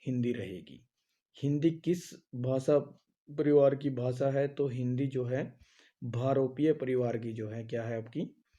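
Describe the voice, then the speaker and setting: A man runs an exam-prep lesson, posing each question and then repeating the answer to drill it in. His voice is very dark and mellow, at an ordinary male pitch. He leans on the same filler phrases again and again. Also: measured pace. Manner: says "आपका" and "जो है" a lot. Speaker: teacher.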